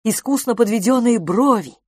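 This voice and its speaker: A woman narrating an audiobook in an expressive, gently ironic storytelling manner, close to a studio microphone. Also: fairly high pitch, moderate pace, slightly rough, no echo.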